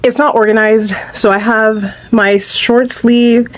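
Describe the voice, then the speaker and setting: A woman's voice: a little high, steady tone, slow, slight background noise. A woman chatting casually to her viewers as she vlogs from a cluttered bedroom at home, talking in a loose, rambling way into a handheld phone. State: a little out of breath at times. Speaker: vlogger. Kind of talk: casual vlog chat.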